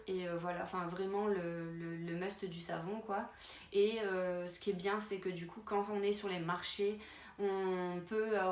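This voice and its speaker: A woman vlogger chatting casually through her travel toiletries, with many fillers and restarts. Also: medium pitch. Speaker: beauty vlogger. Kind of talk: casual product walkthrough. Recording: roomy with faint background noise.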